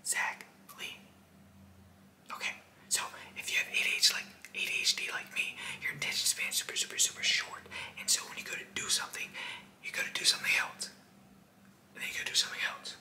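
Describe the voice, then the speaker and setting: A man in his twenties doing fast whispering ASMR, breathy and insistent, with clipped, repeated phrases aimed straight at the listener. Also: pushed and bright, roomy sound. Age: 20s. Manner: aggressive, insistent, clipped and repetitive, addressing the listener directly. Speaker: ASMR host. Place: small indoor room.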